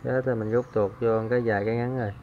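A man's voice: mid-range voice, quick pace, narrow, tinny audio, noisy background. A man hosts a fishing channel and gives a casual hands-on tutorial, counting aloud as he works. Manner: relaxed, counting aloud while working.

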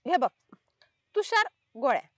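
Very high-pitched, bossy village woman. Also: big pitch swings, no echo, clean studio sound. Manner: scolding, bossy and quick to question. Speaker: comedy sketch actor. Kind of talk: rural comedy skit dialogue.

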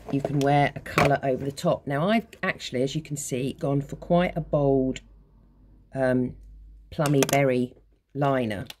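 A woman's voice: extremely low pitch, noisy background. A woman, a makeup artist, giving a casual makeup tutorial at home in a chatty, informal way while demonstrating as she goes. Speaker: makeup artist and beauty coach.

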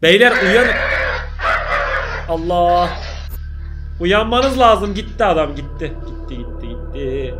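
A man's voice: a little high, unhurried, loud music behind the voice. A man commentating casually on a video he is watching, jumpy and exclaiming at the screen. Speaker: YouTuber reacting to a video.

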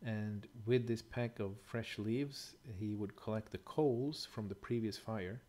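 A middle-aged man with a fairly low voice talks through a topic in a relaxed, explanatory way. His tone is mellow and unhurried, and he pauses to rethink or correct himself as he goes. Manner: thoughtful, hesitant, with fillers and self-corrections. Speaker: bushcraft presenter. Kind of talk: casual explanatory voice-over over slides.

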